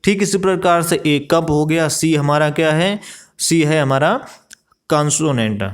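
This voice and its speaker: Slow, repetitive grammar teacher, man. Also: fairly high pitch, clear, resonant tone. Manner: repeats rhetorical questions and "ठीक है" while explaining; spells out words letter by letter slowly. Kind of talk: classroom lesson explaining English grammar in Hindi.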